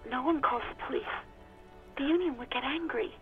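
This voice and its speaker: An anxious young woman in a video game, high-voiced and hesitant. She sounds resigned and put-upon, squeezed through a tinny, narrow radio line with faint music behind. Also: fairly quick, gravelly. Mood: guarded. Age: young adult. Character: anxious, exasperated young woman, reluctant local worker. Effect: radio receiver filter.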